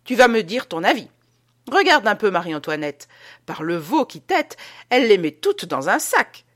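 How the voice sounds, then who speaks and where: A drunken man bellows his toasts and praises in a loud, exalted voice, pushed well above the woman reading him's usual pitch. He swings up and down in wild, lively leaps, carried away by his own fervor, like a storybook character gone overboard. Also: normal speed. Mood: forceful. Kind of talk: audiobook character voice.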